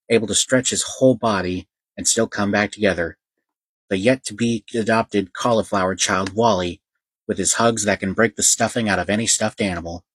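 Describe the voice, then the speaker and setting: A man narrating a children's fantasy audiobook in an earnest, steady storytelling manner, with a few small slips. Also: lowish voice, husky, dry recording, low-quality recording.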